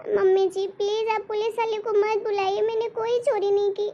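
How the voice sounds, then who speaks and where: A woman's voice: very high voice, little pitch movement, moderate pace, muffled recording, over a noisy crowd. A woman voicing a polite, meek young daughter-in-law in a cartoon story. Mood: pleading. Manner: polite and pleading. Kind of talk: cartoon voice acting.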